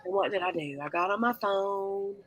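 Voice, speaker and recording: A woman in casual chat, telling a story in a lively way. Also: mid-range voice, moderate pace, rough recording.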